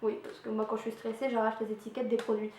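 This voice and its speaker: A woman's voice: a little high, little pitch movement, quick pace, dark tone. A young woman chatting casually through a beauty product review, with lots of fillers and little playful sound effects, recorded on a camera mic at home. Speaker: beauty vlogger. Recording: echoey room with faint hiss.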